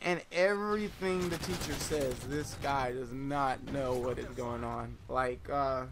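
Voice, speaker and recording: A young man telling a story in a casual, rambling way, animated with lots of fillers and laughing often. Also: medium pitch, a little slow, creaky, background noise. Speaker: vlogger.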